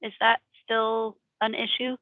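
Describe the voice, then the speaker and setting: A woman's voice: on the high side, flat delivery, measured pace, dry recording. A woman attending a meeting over a video call, asking questions in a casual, slightly hesitant way. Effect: heard over a video call. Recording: thin, phone-like call audio.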